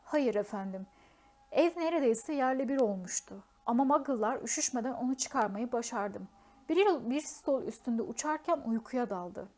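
A huge, soft-hearted giant of a man, acted out by a woman reader speaks with loud, earnest emotion. His voice sits on the high side for a giant, with a big-hearted, tearful edge. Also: expressive, normal speed, natural voice.

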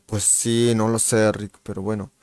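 A man's voice: on the low side, a little slow, dry recording, studio quality. Man streaming a game, casual slang. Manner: greets viewers by name while reacting to the match; relaxed, slangy banter with frequent exclamations. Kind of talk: casual live-stream gaming chatter.

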